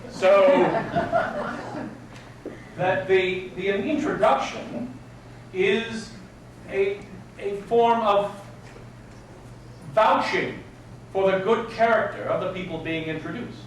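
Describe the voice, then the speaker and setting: Prim, high-voiced man in an echoey room. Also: slow, pauses often. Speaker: etiquette class instructor. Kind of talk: live class demonstration with formal, old-fashioned Victorian wording. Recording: very echoey room, distant mic, faint noise.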